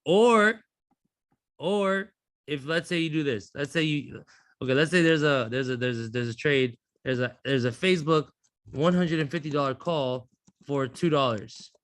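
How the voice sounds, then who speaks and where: A man's voice: fairly high pitch, moderate pace, fairly bright tone, no room sound. A man teaching a live trading class, blunt and profane, often restarting his sentences. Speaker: trading instructor.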